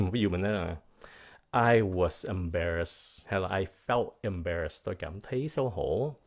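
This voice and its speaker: A man teaching English vocabulary in a bilingual lesson, explaining words slowly and repeating pronunciations, switching between English and Vietnamese. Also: deep voice, expressive, a little mellow. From United States.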